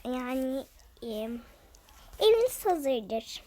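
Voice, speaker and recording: A woman doing a chirpy high furniture caller. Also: big pitch swings, very slow, mellow, heavily acted. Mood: sing-song announcing. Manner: sing-song, repeats itself.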